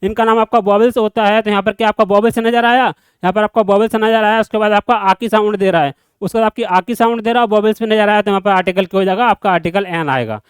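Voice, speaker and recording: A man's voice: high-pitched, fast talker, hardly any pauses, smooth, no echo. A man with a Hindi accent teaching a grammar lesson, asking students question after question and repeating each answer. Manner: repetitive drilling questions to students. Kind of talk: classroom lecture.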